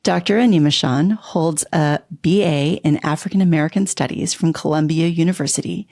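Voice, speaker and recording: Her voice low-pitched and mellow, a woman hosting a podcast briskly reads a guest's introduction. Afterward she chats casually and effusively with the guest, laughing and using plenty of fillers.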